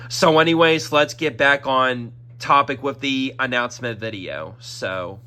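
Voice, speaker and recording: A man's voice: medium pitch, measured pace, sharp tone. A young man hosting his own YouTube channel, giving a rambling announcement with a congested throat, looping back on himself with "that is" and "y'all". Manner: repetitive, circles back with fillers like "that is" and "y'all". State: congested throat, occasional coughing. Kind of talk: rambling casual vlog announcement.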